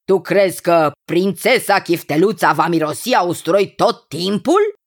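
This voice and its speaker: A woman's voice: lowish voice, expressive. A woman voicing a skeptical, blustering old king who questions his cousin. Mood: doubtful.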